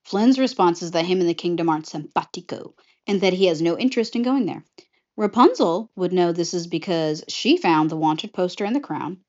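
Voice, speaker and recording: Chatty woman pitching a film scene by scene, lower-pitched, expressive, lo-fi audio. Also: a little fast. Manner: animated, chatty, jumps into character voices. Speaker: vlogger pitching a film idea. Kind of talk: casual retelling of a movie pitch. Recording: slightly muffled lo-fi audio.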